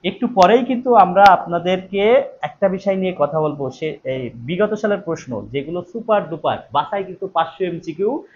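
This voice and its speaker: Man, high voice, live online teacher, repeats questions and answers them, dull lo-fi sound, faint hiss. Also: normal speed. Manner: animated, stressing key words louder. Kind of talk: live online exam-prep class. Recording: dull lo-fi stream audio with faint noise.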